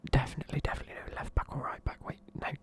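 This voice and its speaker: A man's voice: rapid-fire, a bit bright. A young man in a casual video, whispering sleepily as he reviews football teams and swears offhandedly. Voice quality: whispering throughout. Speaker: video creator.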